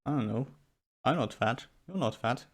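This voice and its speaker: A young Serbian man co-hosts a podcast in a medium-pitched, animated voice at normal speed. He jokes around in loose, playful chat and restarts his sentences a lot.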